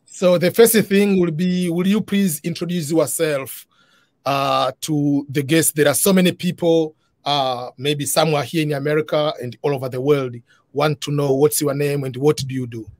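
A man's voice: fairly high pitch, steady tone, moderate pace, a little mellow, dry recording. A middle-aged man hosting a live online interview from his living room over a video call, earnest and full of fillers. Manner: earnest, restarting, many uh fillers. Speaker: interview host.

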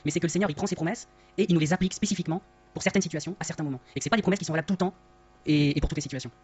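A man giving an earnest, conversational Bible study talk, often rephrasing himself, his voice masked by voice-disguising software on a dull, lo-fi recording. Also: fairly high pitch, racing, breathy edge. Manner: earnest, rephrases often, tags lines with "hein". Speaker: Bible teacher. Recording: dull lo-fi sound.

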